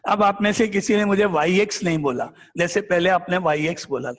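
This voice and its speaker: A man's voice: sits high, brisk, in a large hall. A man teaching math to a live class, firing questions back at the students and repeating key points.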